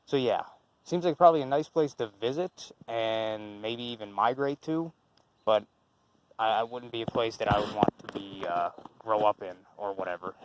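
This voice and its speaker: With background noise behind him, a young man with a fairly low voice speaks at a normal pace. He is a channel host giving unscripted commentary, rambling, restarting, using many fillers, and swearing in a casual, profane way.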